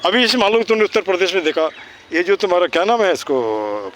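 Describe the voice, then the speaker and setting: A man teaching school students outdoors, lecturing and firing rhetorical questions. He slows down and speaks deliberately whenever he switches into English. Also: high voice, animated, fairly bright tone, a little hiss or hum. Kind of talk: informal lecture with quiz questions. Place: outdoors in a park.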